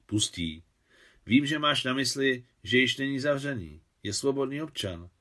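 A man voicing a brisk, commanding woman, a general's wife, who speaks in a loud, commanding tone. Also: mid-range voice, animated, voice pushed up, close to an everyday voice. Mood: reassuring.

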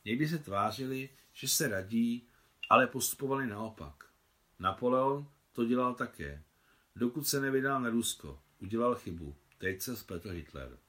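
A man reading aloud his own translation of a novel in a calm, measured storytelling manner. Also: mid-range voice.

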